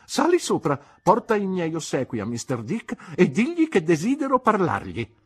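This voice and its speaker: A woman's voice: huge pitch swings, moderate pace, breathy edge, exaggerated voice. A woman reading an audiobook aloud and voicing a stern, eccentric elderly aunt who barks her orders. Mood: commanding. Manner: shrill, commanding outbursts.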